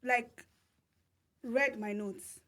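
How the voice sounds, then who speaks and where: Speaking extremely slowly, a woman with a Nigerian accent recounts a personal story as a guest on a podcast's casual interview. Her slightly high, somewhat bright voice has fairly even intonation, yet she is emphatic, repeats phrases, and laughs as she goes.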